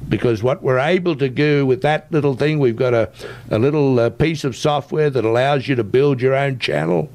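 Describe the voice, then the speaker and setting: An interview guest who works as a tech entrepreneur speaks with an Australian accent, pushing his explanations emphatically and insistently while often asking "right?". He has a mid-range, darkish voice at a moderate pace.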